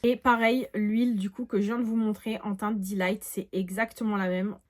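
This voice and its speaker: A woman's voice: mid-range voice, flat delivery, moderate pace. A woman in her late twenties giving a casual beauty haul vlog, chatty with frequent filler sounds as she shows products. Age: 20s. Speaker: beauty vlogger.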